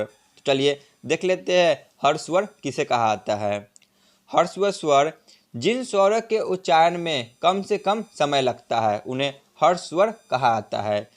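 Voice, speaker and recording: A man teaching a grammar lesson, repeating each point and drawing out vowel sounds as examples. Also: a little high. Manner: repeats points, tag "ठीक है ना" often.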